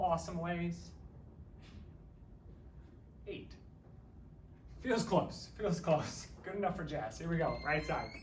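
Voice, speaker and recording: This high-voiced man coaches a workout in an empty room, his fairly bright tone picked up far from the mic with echo and slight background noise. A little out of breath while exercising, he keeps things upbeat, cracking jokes and counting reps.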